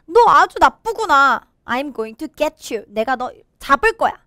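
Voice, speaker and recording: A woman's voice: sits high, slow pace, a bit bright, clean tone, no echo, studio quality. A woman doing a hurt, indignant girl squirrel. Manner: crying out, indignant.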